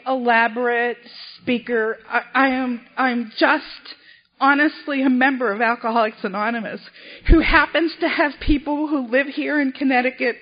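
A woman from South Boston, Massachusetts, speaks in a high voice at a convention podium, telling her personal recovery story. She is self-deprecating and halting, restarting often, and the hall recording sounds muffled.

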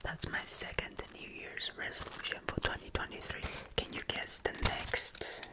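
Woman, breathy whisper, ASMR creator, deliberate repeated trigger words, unvoiced delivery. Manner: slow, deliberate word repetition for tingles.

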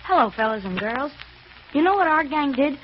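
A woman's voice: high voice, sing-song, normal speed. A woman voicing an eager, chirpy all-American boy in an old radio commercial, gee-whiz and peppy. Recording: muffled, hissy old radio broadcast.

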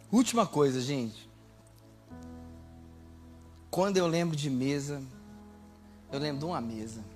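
A Brazilian man preaching a lively sermon, telling stories and shouting out praises. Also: mid-range voice. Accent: Brazilian Portuguese. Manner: animated storytelling, shouting praises.

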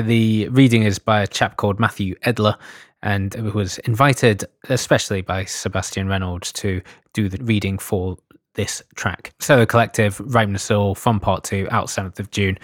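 A man hosting a radio music show, back-announcing a track in a relaxed, conversational way. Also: fairly low pitch, no room sound, clean studio sound. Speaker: radio DJ host.

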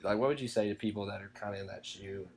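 A young man, a college student, hosting a casual interview in a relaxed, modest way with frequent fillers. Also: fairly low pitch, fast talker, vocal fry, breathy edge. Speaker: host, college student entrepreneur.

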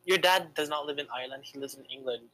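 A woman's voice: deep voice, quick pace, pushed and bright, no room sound, rough recording. A young woman co-hosting a casual podcast, chatty and hesitant, with lots of fillers. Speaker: podcast co-host. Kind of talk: casual chat game with a friend.

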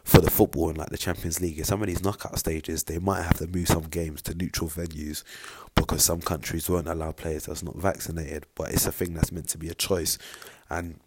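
A man's voice: low-pitched, flat delivery, fairly quick, heavy background noise. A man talking casually straight to camera, rambling with many fillers as he gives his opinion in a vlog. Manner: rambling, filler-heavy, conversational. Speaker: vlogger.

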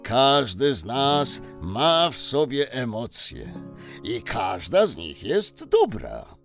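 An actor playing a jolly, wise old Santa Claus who speaks in a patient, theatrical, chuckling way for a children's audio story. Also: male voice, medium pitch, huge pitch swings, slow pace, vocal fry, fairly bright tone, soft background music, exaggerated voice. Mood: gently instructive.

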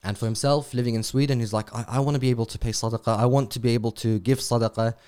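A man being interviewed as a charity representative, explaining in a measured way and sometimes drifting off on tangents. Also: medium pitch, steady tone, darkish tone, clear, resonant tone. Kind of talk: conversational interview.

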